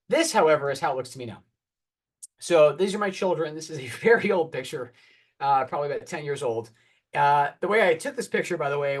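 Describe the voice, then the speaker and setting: A man's voice: fairly high pitch, a bit bright. Candid man presenting a talk. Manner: candid, earnest, wry; calls for next slides. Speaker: oncologist giving a talk. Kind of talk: conference presentation.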